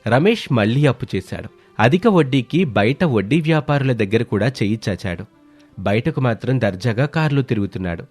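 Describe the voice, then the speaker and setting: A man's voice: medium pitch, a little mellow. Male storyteller over faint music. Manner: dramatic, measured. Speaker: narrator. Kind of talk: scripted storytelling narration.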